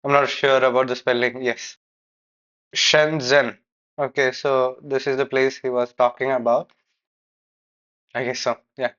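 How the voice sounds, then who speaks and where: A man's voice: mid-range voice, level tone, measured pace, pauses often, a bit bright, highs cut off. A man giving feedback on a speaking test, explaining corrections and replaying answers as a coach. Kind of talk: feedback commentary on a recorded test.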